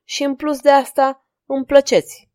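An elegant masked lady with a cool, ironic edge and quiet passion underneath, as a woman reader voices her in a storybook reading. The voice sits close and dry, with no room sound around it. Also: sits high, flat delivery, no echo, voice pushed up, lightly acted.

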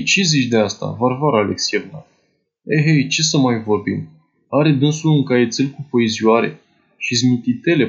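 A man's voice: medium pitch, highs cut off, lightly acted. A man playing a poor, fussy older clerk who confides in a young woman in a chatty, doting way. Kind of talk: dramatized literary monologue.

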